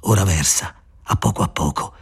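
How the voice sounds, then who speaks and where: A man voicing a brooding, obsessive young male lover in a read-aloud novel, dropping low in a husky, breathy voice. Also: normal speed, heavily acted. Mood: insistent. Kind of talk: audiobook character voice.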